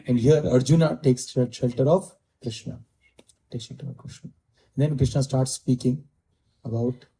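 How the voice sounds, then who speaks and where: A man's voice: medium pitch, dark tone, poor audio. A man with an Indian English accent giving a scripture lecture, repeating key phrases and slipping into Hindi. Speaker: spiritual teacher giving scripture class.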